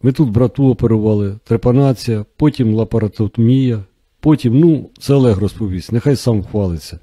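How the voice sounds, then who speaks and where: A man reading an easygoing, joking male doctor colleague in an audiobook, with relaxed, breezy banter. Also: medium pitch, a little fast, dry recording, close to an everyday voice.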